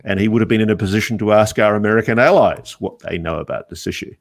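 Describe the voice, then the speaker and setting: A man, a journalist guest on a podcast interview, telling animated anecdotes. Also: lowish voice, fast, gravelly. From Australia.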